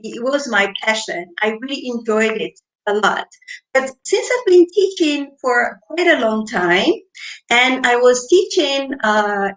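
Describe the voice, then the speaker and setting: A woman from Morocco in her forties answering interview questions in a friendly, lively way, pausing often with fillers. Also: fairly high pitch, poor audio. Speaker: interview guest.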